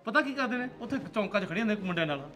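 Stern Punjabi village father, gruff and commanding, played by a man; brisk, higher-pitched delivery. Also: sing-song. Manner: gruff, commanding, softens to pleading. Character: stern village father, strict about daughter's honor. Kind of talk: village drama acting.

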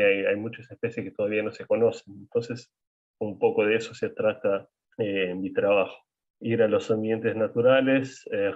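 Brazilian biologist guest in his thirties, low-voiced, halting and repetitive, heard over a thin phone-like remote line. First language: Portuguese. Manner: hesitant, repeats words while thinking. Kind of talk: casual interview answers. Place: indoors at home.

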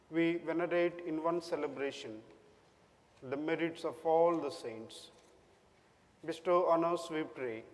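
A man praying a formal liturgical prayer as a priest, in a solemn, measured way. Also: fairly high pitch. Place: large church. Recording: long church reverb.

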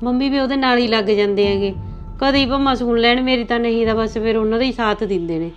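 A meek, put-upon young daughter-in-law, played by a woman, talking quickly in a fairly high, resigned voice. The recording is slightly dull, with faint music underneath. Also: lightly acted. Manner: soft, resigned. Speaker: actor. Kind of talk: amateur short-film acting.

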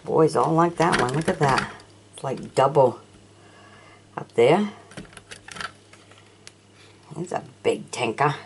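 Background noise accompanies an older woman whose low, creaky voice moves slowly, with long pauses. Casually narrating a show-and-tell of toy vehicles from an auction, she films them at a sunny windowsill and asks the viewer questions.

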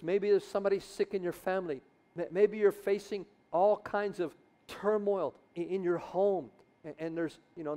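A man preaching a sermon as a bishop, exhorting fervently, repeating phrases and building to loud calls. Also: high-pitched. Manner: mixes in Tagalog phrases.

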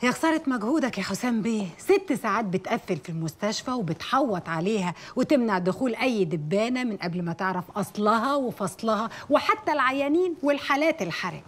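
Casting: a tart Egyptian doctor, slightly high voice, brisk delivery. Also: female voice, sing-song. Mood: sarcastic. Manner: sarcastic, sharp-tongued. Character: sarcastic female hospital doctor. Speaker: hospital doctor. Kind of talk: TV drama acting.

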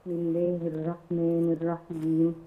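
A woman from Egypt calling in to recite Quran, quiet and measured. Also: on the low side, monotone. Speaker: caller. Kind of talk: slow Quran recitation over the phone. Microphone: phone call. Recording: tinny phone line with music behind.

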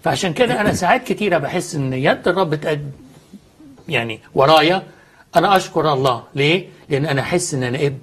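A man's voice: a little high, lively intonation, fast, a bit bright, husky. A man with an Egyptian accent, a studio guest explaining faith earnestly and answering his own questions.

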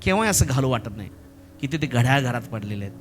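A man with a Marathi accent preaching a sermon as pastor, impassioned and building to shouted exhortation, leading the congregation in repeated prayer lines. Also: medium pitch, very animated, fast talker. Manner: leads congregation in repeated call-and-response prayer.

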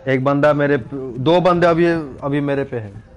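A man in casual gaming voice chat giving urgent team callouts, repeating commands rapidly. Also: medium pitch, highs cut off.

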